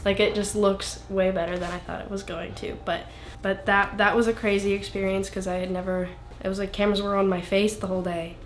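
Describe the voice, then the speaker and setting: Young woman, twenties, casual interview, rambling, lots of fillers, mid-pitched voice. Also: little pitch movement, a little fast, few pauses, reverberant. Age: 20s. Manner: rambling, self-interrupting, frequent "like" and laughs. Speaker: singer-songwriter guest.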